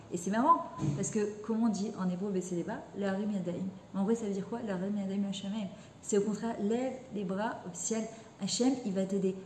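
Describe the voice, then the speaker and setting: A woman's voice: mid-range voice, a little mellow, roomy sound, a little hiss or hum. A middle-aged woman giving an earnest, heartfelt spoken religious lesson, slipping Hebrew terms into her talk. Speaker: religious teacher.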